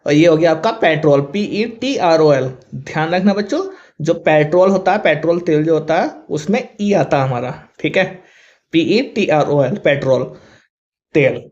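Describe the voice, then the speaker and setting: A man's voice: on the high side, normal speed, a little mellow. A male teacher with a Hindi accent explains confused English words to students, spelling them out letter by letter. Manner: spells words out letter by letter, often says 'thik hai'. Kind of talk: vocabulary lesson to students. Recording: dull lo-fi recording.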